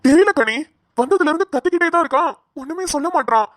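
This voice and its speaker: A woman's voice: high voice, lively intonation, fast, a bit bright, dry recording, clean studio sound, pitched above the performer's own voice. Woman doing a puzzled, placating cartoon dad. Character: patient bewildered middle-aged father, male. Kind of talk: cartoon voice acting.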